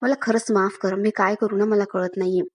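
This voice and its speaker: A woman's voice: mid-range voice, little pitch movement, brisk, a little mellow, no room sound, close to an everyday voice. Woman reading a distraught young man. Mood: pleading. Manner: pleading.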